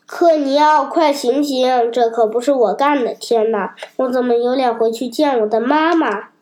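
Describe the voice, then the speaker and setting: A woman voicing a naive, soft-hearted wooden puppet boy in a children's storybook reading, earnest and easily upset. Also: fairly high pitch, normal speed, natural voice. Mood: desperate.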